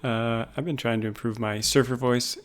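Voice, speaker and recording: Man giving laid-back game commentary, smooth voice. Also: mid-range voice. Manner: relaxed, thinking aloud with frequent "uh" pauses. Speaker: gaming YouTuber. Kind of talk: casual gameplay commentary.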